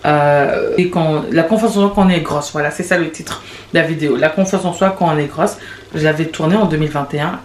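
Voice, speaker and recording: A chatty podcast host in her late 20s delivers a casual confessional monologue, rambling with quick restarts and laughter. Her voice is on the low side, and the room is echoey with faint background noise.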